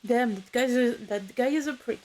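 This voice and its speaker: A woman's voice: a little high, a little fast, darkish tone. A woman streamer making blunt, offhand asides between lines. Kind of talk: casual aside while streaming.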